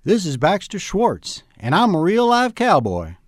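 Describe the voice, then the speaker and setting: High, lively cowboy pitchman. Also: measured pace. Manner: folksy exaggerated cowboy talk. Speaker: comedy ad pitchman. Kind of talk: mock commercial, over-the-top cowboy drawl.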